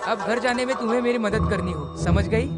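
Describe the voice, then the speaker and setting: A man's voice: high voice, fairly quick, close to an everyday voice. A man playing a leering bully with music behind. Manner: leering, whining, shouting. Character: lecherous bullying older man harassing a girl.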